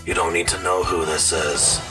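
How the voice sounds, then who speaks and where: A man playing a menacing, petty ransom caller in a comedy sketch, in a breathy half-whisper. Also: sits low, level tone, moderate pace, over music, pitched below the performer's own voice, natural voice, poor audio.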